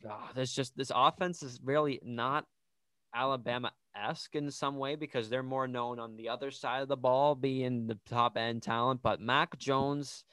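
Clear-voiced man hosting sports talk. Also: medium pitch, fairly even intonation, moderate pace, fairly bright tone, no room sound. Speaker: sports podcast host. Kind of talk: casual sports commentary chat.

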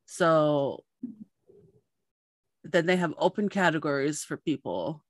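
A woman podcast host and journalist, chatting casually and telling a lively story, acting out the voices of the people in it. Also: low voice, slow pace, dry recording. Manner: animated storyteller, acts out quoted voices.

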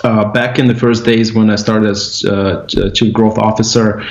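A man with a Russian accent, a company executive being interviewed, talking casually with many pauses and restarts. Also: lowish voice, little pitch movement. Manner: hesitant, many uh fillers and restarts. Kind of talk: casual interview over a video call. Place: at home in an indoor room. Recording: dull, echoey room sound.

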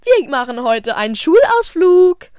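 A woman's voice: very high voice, very animated, unhurried, darkish tone, no room sound, clean studio sound, pitched above the performer's own voice, heavily acted. A woman voicing a fussy female teacher in a hobby audio drama, scolding and exasperated. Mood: bossy. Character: fussy female teacher herding unruly kids.

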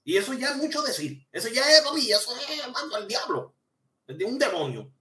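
A man's voice: very high-pitched, a little fast. A man hosting a live-stream podcast, ranting and joking in slangy casual talk. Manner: joking, animated, slangy rants. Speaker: podcast host reading live chat. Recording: echoey room.

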